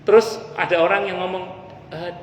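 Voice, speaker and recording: A man's voice: a little high, moderate pace, a bit bright, slight background noise. A man giving a casual, humorous religious study lecture in a mosque, addressing the ladies in the audience directly. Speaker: preacher. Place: mosque hall. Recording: echoey hall with faint ambience.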